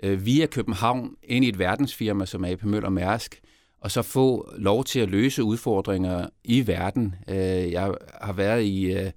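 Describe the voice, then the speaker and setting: Middle-aged man, Copenhagen Danish accent, low voice, dry close sound, halting. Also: darkish tone, no room sound. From Denmark. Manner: hesitant, many restarts and fillers. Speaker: mayoral candidate guest. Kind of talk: podcast interview.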